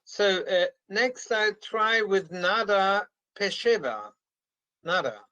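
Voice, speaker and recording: A man's voice: sits high, lively intonation, takes it slowly, sharp tone. A man hosting an online conference, moderating and handing the floor from one speaker to the next.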